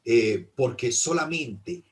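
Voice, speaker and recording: A man's voice: medium pitch, expressive, takes it slowly. A middle-aged man, a priest teaching an informal Bible class, who explains patiently and keeps checking in with his listeners. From Costa Rica.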